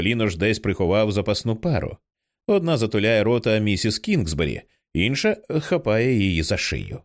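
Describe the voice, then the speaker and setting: A man narrating an audiobook in an expressive reading style, changing his voice for the characters. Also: mid-range voice. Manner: expressive, acts out many characters. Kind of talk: scripted narration.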